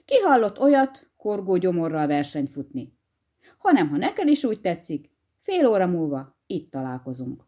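A woman's voice: fairly low pitch, wildly swooping pitch, mellow, dull audio. Woman voicing a crafty old hedgehog farmer. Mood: sly. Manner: easygoing, crafty, bossy to his wife. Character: sly, unhurried old male hedgehog farmer.

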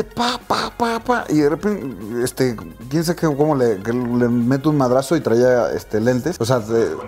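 Animated, foul-mouthed Mexican man telling stories. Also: mid-range voice. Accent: Mexican Spanish. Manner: animated, swears a lot, acts out voices and sound effects. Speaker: vlogger. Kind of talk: casual storytelling.

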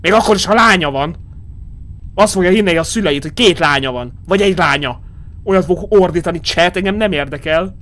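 A man in his thirties commentating a horror game for his chat, jumpy, swearing and shouting when scared, muttering quietly to calm himself. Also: sits high. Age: 30s. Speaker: streamer.

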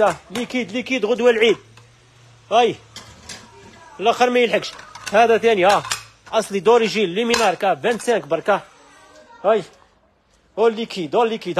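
Rapid-fire Algerian man selling dishes. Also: high-pitched, a little hiss or hum. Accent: Algerian Arabic. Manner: rapid and repetitive, constant "look" and "here" calls. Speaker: shop seller on a live stream. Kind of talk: live sales pitch. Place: household goods shop.

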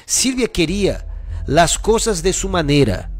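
A man's voice: high voice, very animated, measured pace, no room sound. A young man telling his own story casually, repeating himself and often asking the listener "you know?". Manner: repetitive, restarts, keeps asking "you know?". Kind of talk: casual first-person storytelling.

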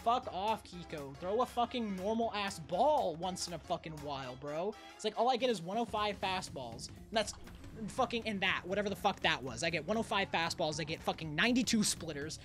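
A woman's voice: on the low side, animated, brisk. A young woman commentating on her gameplay as an exasperated raging gamer, ranting and swearing heavily. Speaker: gaming streamer. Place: indoor room at home. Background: faint video game music.

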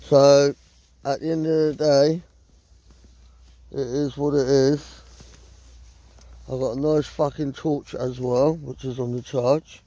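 A middle-aged vlogger from southern England sits in a small tent in the woods at night, rambling bluntly and swearing often into a handheld phone at close range. His medium-pitched voice is warm but flat, slow, with long pauses, on a dry recording.

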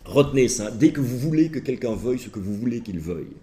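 A man's voice: medium pitch, a little fast. A middle-aged man, a therapist, giving a humorous lecture and telling stories while mimicking the people in them. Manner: lively storytelling, mimics characters' voices. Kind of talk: humorous lecture with acted anecdotes.

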